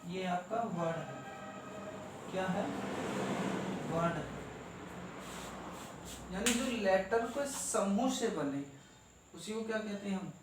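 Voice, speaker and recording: A man's voice: sits high, lively intonation, slow pace, pauses often. A man teaching an English grammar lesson, asking questions and answering them himself and spelling out letters one by one. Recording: echoey room, voice from far off, faint noise.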